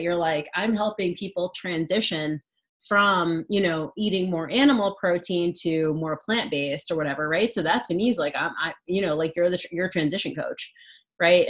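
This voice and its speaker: Casual, reassuring woman coach. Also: on the low side. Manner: casual, reassuring, lots of fillers. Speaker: business coach leading a group call.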